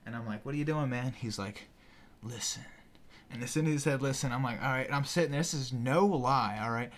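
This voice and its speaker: A young man spins a wild story as a podcast guest in loose, easy chat. He is animated and profane, and he acts out the other people's voices as he goes. His voice sits in an ordinary middle pitch. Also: fast.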